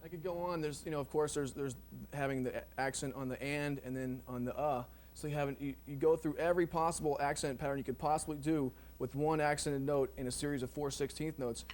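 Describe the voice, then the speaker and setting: Drummer explaining rolls, loose and rambling. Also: male voice, a little high, brisk, hardly any pauses, a little hiss or hum. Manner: relaxed, rambling, many ums and you knows. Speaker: drum instructor. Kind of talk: casual instructional explanation.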